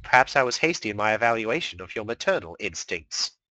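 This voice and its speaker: A man's voice: fairly low pitch, very animated, brisk, bright, forceful tone, dry recording, poor audio. A man voicing a smug male chaos spirit with a sly, mock-polite drawl.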